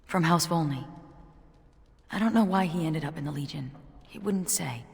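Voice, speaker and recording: A woman's voice: low-pitched, expressive, normal speed, vocal fry, in a large hall. An actress playing an earnest, curious young warrior woman in a video game, a reflective survivor who speaks with wonder. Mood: sombre, reflective. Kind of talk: video game character acting.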